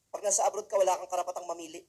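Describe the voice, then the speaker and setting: High-voiced Filipino man, comic storytelling. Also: little pitch movement, very fast, dark tone. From Philippines. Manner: comic storytelling, talks straight to the audience. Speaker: motivational speaker. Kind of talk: humorous talk to students.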